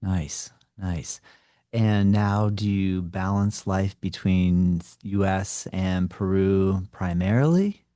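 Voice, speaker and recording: A man's voice: low voice, slow, warm tone, no echo, clean studio sound. A man hosting an interview podcast, chatting casually with many fillers. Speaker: podcast host.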